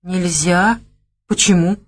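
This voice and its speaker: A woman voicing a chatty, curious young woman vendor, raising her voice and speaking with animation. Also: slow. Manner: animated, teasing, raised pitch.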